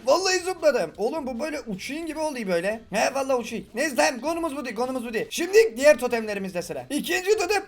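A young man giving excited game commentary as a YouTuber, with hyper shrieking exclamations. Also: extremely high pitch. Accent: Turkish. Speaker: gaming YouTuber. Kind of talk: excited let's-play commentary.

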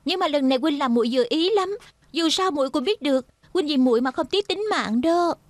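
A woman's voice: high voice, lively intonation, fairly quick, dry recording. A woman dubbing a playful, clever young woman in a TV drama, teasing and pleading by turns. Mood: tender. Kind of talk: dubbed TV drama.

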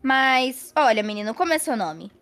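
A woman playing a stern but soft-hearted mother in a Roblox role-play story, scolding quickly and exclaiming. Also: sits high, lively intonation. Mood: relenting.

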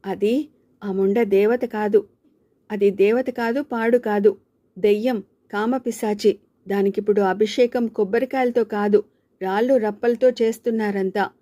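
A woman's voice: medium pitch, fairly even intonation, a little slow, warm tone, no echo, natural voice. Brief: woman narrator doing an indignant old mother-in-law, cursing and scolding, darker tone. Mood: angry scolding.

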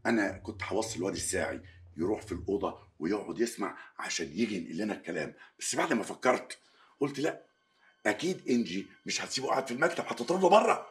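An actor playing a fussy newspaper editor in a sitcom, speaking with an Egyptian accent in a quick, exasperated, scolding way. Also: male voice, fairly low pitch, expressive, lightly acted. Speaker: editor-in-chief.

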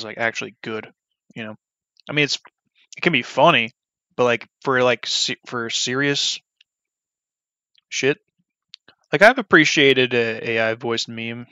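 A man talks through a game in loose, unscripted commentary, blunt and rambling, stopping and restarting his sentences with plenty of ums. His voice is bright and clean, and the recording sounds dry and a little dull. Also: mid-range voice, clear, resonant tone, no echo. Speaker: gaming YouTuber. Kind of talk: casual gameplay commentary.

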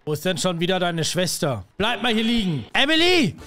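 A man doing let's play commentary in character as a grumpy babysitter, bossy and comic, often bursting into loud shouting. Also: high-pitched, lively intonation, a little fast, over music. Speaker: gaming YouTuber.

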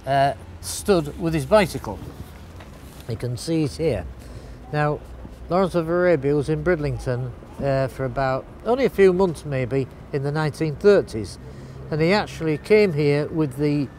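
A man's voice: on the high side, darkish tone, slight background noise. An older man giving a local history talk in front of a brick wall, explanatory and hesitant with many fillers. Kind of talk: spoken local history presentation.

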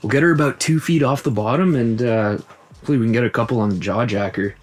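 A man's voice: mid-range voice, quick pace. Upbeat man vlogging while ice fishing. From Ontario, Canada. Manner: upbeat, enthusiastic, chatty. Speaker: fishing channel host. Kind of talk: outdoor fishing vlog. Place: frozen lake outdoors and small ice fishing tent.

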